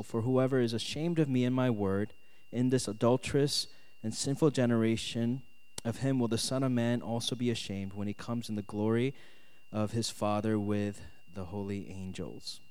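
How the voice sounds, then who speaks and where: A mid-range, darkish, clear and resonant voice belongs to a man who emigrated from South Korea to the US at ten. Addressing students, he reads scripture and tells his own story, checking in with "right?" and "okay?" throughout. Everything echoes in a hall with long reverb.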